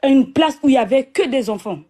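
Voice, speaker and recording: Woman, fairly high and mellow voice, earnest testimony, lots of restarts. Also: animated, a little fast. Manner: repetitive, retells with many fillers and restarts. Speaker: guest giving a religious testimony. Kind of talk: emotional personal testimony.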